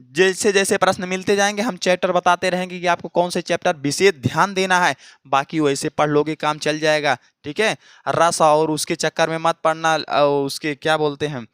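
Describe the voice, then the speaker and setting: A man's voice: a little high, a bit bright, smooth, no echo. A man teaching an exam-prep Hindi grammar lesson, repeating points and often checking that students follow. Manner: repetitive, checks understanding often. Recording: dry close recording.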